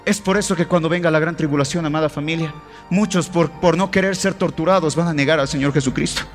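A man preaching a sermon, impassioned and exhorting, calling the congregation family, with faint music behind. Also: on the high side. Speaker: pastor.

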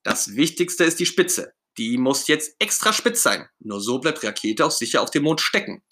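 A man's voice: mid-range voice, sing-song, moderate pace, bright, forceful tone. A man voicing Bert, a fussy, self-important puppet friend, in a storybook reading with a pompous, brusque manner.

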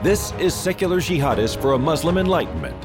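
A man's voice: a little high, very animated, fast. A man narrating a scripted, tongue-in-cheek intro in a mock-ominous, theatrical manner. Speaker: intro announcer. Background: music.

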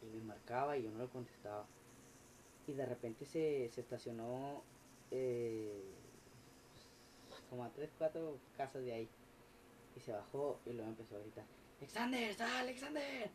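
A man, a podcast guest telling a story in animated, slangy, swearing casual chat. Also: medium pitch, moderate pace, pauses often, a little hiss or hum.

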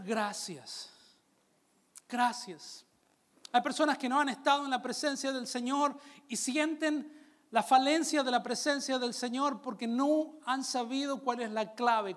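A Latin American man preaching a sermon, calling out to his congregation and slowing down on key phrases. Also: extremely high pitch, a bit bright. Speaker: pastor.

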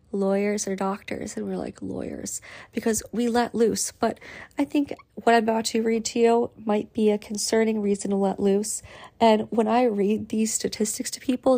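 Tearful, gravelly young woman rambling. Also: medium pitch, dark tone. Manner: rambling, emotional, many fillers and restarts. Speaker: law student podcaster. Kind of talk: casual chat.

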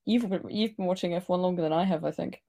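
A woman's voice: fairly low pitch, quick pace, creaky, dark tone. A woman from England, co-hosting a podcast in a teasing, casual way. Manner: teasing, laughs often. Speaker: podcast co-host. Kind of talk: casual chat.

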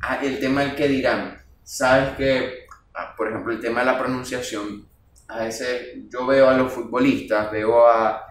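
Man, casual podcast talker, middle pitch, slightly distant mic in a roomy space. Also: steady tone, measured pace, a little hiss or hum. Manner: conversational, fond of examples.

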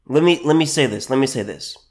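On his solo podcast, a man with a mid-pitched, expressive voice sounds slightly under the weather from allergies. He speaks haltingly, often stopping, restarting and repeating phrases, with plenty of ums and uhs. To drive a point home, he slows way down.

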